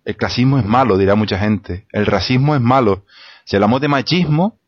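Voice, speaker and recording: A man from the Canary Islands, a guest in a debate show, arguing emphatically and rhetorically, pausing on fillers as he builds his points. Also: medium pitch, dry recording, muffled recording. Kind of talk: impassioned studio debate argument.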